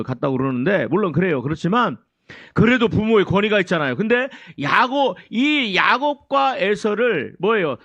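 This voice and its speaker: A man's voice: high voice, fairly bright tone, no room sound, lo-fi sound. A male pastor preaching a sermon, full of rhetorical questions to his congregation.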